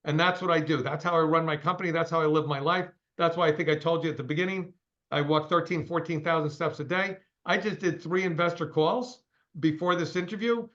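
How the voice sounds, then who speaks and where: A man's voice: on the high side, fairly even intonation, a little fast, a bit bright, dull audio. A man in his sixties, a company CEO, giving a straight-talking, emphatic interview over a call. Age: 60s.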